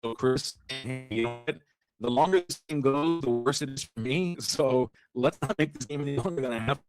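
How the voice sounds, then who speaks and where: Excitable man casting a card game. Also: mid-range voice, moderate pace, faint music behind. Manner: excitable, chatty, laughs often. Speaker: caster. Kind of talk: live card game commentary.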